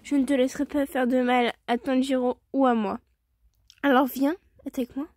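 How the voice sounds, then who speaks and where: A woman's voice: sits high, level tone, normal speed, a little mellow, dry recording. A woman voicing a stern, protective young male swordsman who speaks firmly and bluntly, in a fan story read aloud.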